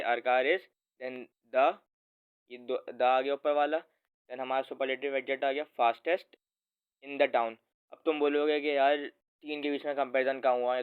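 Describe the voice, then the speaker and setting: A man's voice: medium pitch, clean tone. Man teaching grammar over tinny audio. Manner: informal, addresses viewer as friend, self-corrects often. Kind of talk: casual explanatory lesson.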